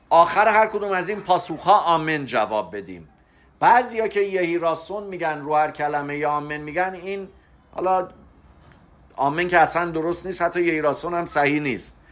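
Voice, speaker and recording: Man teaching a religious lesson, slightly high voice. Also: expressive, a bit bright. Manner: explanatory, pauses to stress terms.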